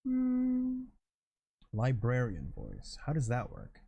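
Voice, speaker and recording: Casting: casual let's-play streamer, musing aloud, medium-pitched with lively swings, music bed. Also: slow pace, gravelly, highs cut off. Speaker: game streamer.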